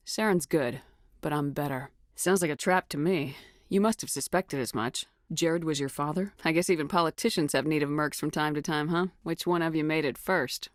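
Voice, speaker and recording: Game role: actress as tough female military commander, low register, firm and businesslike, dry close recording. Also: no echo, lightly acted. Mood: determined, firm, then probing. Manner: firm, measured, businesslike, authoritative. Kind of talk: video game dialogue acting.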